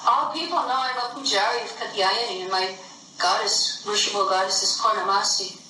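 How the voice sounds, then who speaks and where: A woman's voice: medium pitch, fairly even intonation, brisk, pushed and bright, a little hiss or hum, lightly acted. A tearful humble husband, as a woman storyteller puts him on. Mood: pleading. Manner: pleading, tearful devotion. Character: grieving humble cowherd husband, male. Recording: echoey room, voice from a distance.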